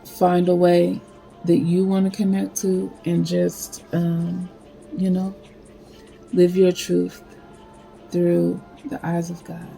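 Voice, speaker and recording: Slow, gravelly-voiced woman reading cards. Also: on the low side, monotone, dark tone, soft background music, low-quality recording. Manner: slow, meandering, full of fillers. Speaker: spiritual reader. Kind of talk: casual spiritual card reading.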